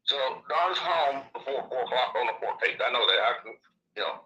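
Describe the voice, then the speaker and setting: A man's voice: mid-range voice, lively intonation, brisk, sharp tone, highs cut off. A man with a lisp from missing upper teeth, telling his story in a casual, rambling way. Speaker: interviewee recounting his own experience.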